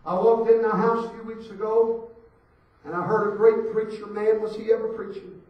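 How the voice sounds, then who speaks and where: A man preaching a fiery sermon, swinging from hushed asides to shouted lines with rhythmic repetition, in a church. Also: high-pitched, flat delivery, normal speed, highs cut off. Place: church sanctuary. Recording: echoey hall, preacher far from the mic.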